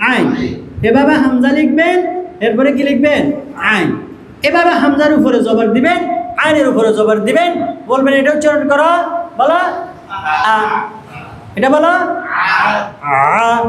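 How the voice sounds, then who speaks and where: A man with a strikingly high voice leads teacher trainees through Quran reading drills. He asks the room questions and supplies the answers himself. The recording carries the echo of a classroom with a faint hiss beneath.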